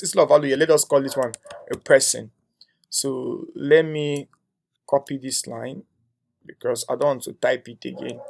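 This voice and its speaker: In a screen-share coding tutorial, a young male instructor thinks aloud as he types, using frequent "um"s and tagging on "right?". His voice is medium-pitched with vocal fry.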